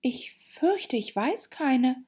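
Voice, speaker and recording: A woman's voice: sits high, sing-song, moderate pace, warm tone, slightly rough, lo-fi sound, voice pushed up, full character voice. A woman voicing a curious, polite young girl with an earnest, questioning way of speaking. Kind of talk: audiobook character voice.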